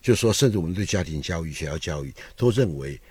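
A man's voice: low-pitched, lively intonation, fast talker, a little mellow, breathy edge, no room sound. An older man, a guest writer, talking in a musing, discursive way through a reflective conversation. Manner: musing, discursive, with rising and falling emphasis.

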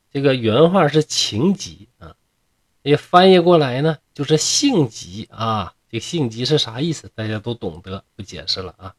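A man's voice: medium pitch, slightly rough. A man with a Northeastern Chinese accent telling a classic tale in a humorous way, with chatty jokes and asides to the listeners. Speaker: storyteller.

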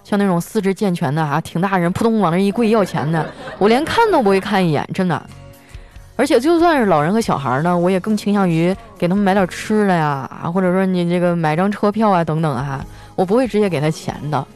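Lively woman storyteller. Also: lowish voice, quick pace, soft background music. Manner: chatty, teasing, laughs while telling stories. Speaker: radio-style podcast host reading listener stories. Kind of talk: comic storytelling.

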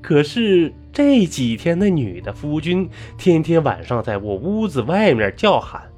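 A man's voice: fairly high pitch, big pitch swings, measured pace, darkish tone, soft background music. A man voicing a timid young male farmhand who stammers and whines for help. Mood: frightened. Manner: stammering, whining.

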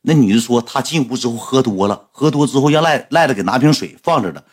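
A man with a Northeastern Chinese accent telling a comic story in a lively, colloquial way. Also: mid-range voice, fast, breathy edge. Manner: lively, colloquial, animated retelling.

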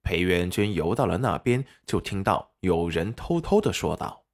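A man narrating a serialized web novel audiobook with expressive storytelling. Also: low voice, normal speed.

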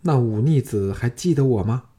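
A man's voice: medium pitch, lively intonation, moderate pace, mellow, natural voice. A man voicing a cold, scornful middle-aged empress dowager in an audiobook.

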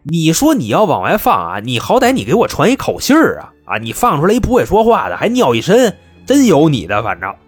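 A smooth-talking police negotiator, as a male storyteller puts him on, soothing and wheedling. His husky voice moves lively over a wide range, with quiet music underneath. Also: mid-range voice, brisk. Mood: placating.

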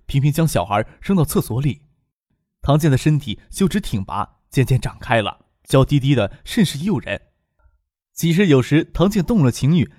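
A man narrating a novel as an audiobook narrator, with expressive storytelling. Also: medium pitch, no echo, studio quality.

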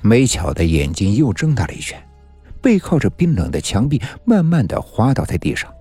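A man's voice: fairly low pitch, wildly swooping pitch, moderate pace, warm tone, husky, no echo. A man narrating a suspenseful story in a tense storytelling manner. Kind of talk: dramatic story reading. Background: faint music.

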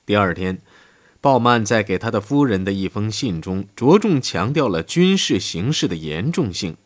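A man narrates a history audiobook in a low voice. His reading is steady and scripted, and his pitch rises and falls widely, climbing higher on quoted lines. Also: moderate pace.

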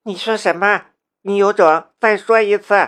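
A man's voice: high-pitched, steady tone, moderate pace, fairly bright tone, pitched above the performer's own voice. A man doing a furious hot-tempered young woman. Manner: angry, threatening.

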